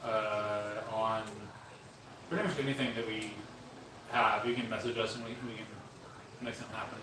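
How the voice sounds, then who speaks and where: Hesitant band member in an echoey room. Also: male voice, lowish voice, little pitch movement, normal speed, recorded from a distance. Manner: hesitant, many fillers. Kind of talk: casual livestream chat. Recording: roomy echo, off-mic, noise.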